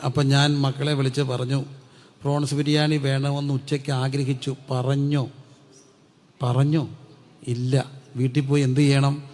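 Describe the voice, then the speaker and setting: Gravelly preacher in a reverberant hall. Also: male voice, mid-range voice, a little mellow. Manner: call-and-response preaching, repeating questions to the congregation. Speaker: pastor. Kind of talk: Pentecostal sermon.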